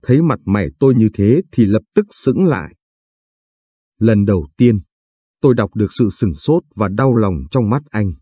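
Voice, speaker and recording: A man narrating a first-person story in a steady, even storytelling manner. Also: fairly low pitch, normal speed, slightly rough, no room sound. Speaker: audiobook narrator.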